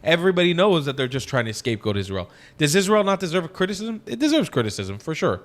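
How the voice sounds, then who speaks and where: A man's voice: a little high, sing-song, fast. A man with a slight, wet lisp from wearing braces, talking bluntly and profanely in a casual political discussion.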